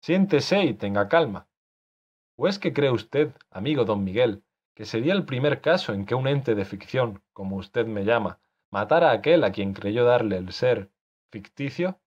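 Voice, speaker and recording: A man's voice: medium pitch, animated, moderate pace, a little mellow, slightly rough. A man reading an audiobook, voicing an anxious young man who pleads with and defies his author. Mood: defiant. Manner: pleading, agitated. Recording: dull lo-fi recording.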